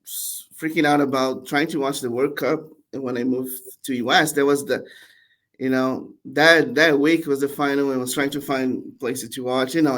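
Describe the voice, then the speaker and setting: A man in his forties from Brazil, a podcast guest telling his story in a relaxed, chatty way with frequent restarts and laughs. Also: medium pitch. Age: 40s. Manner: warm, laughing, many restarts and repeated words. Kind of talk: casual storytelling interview.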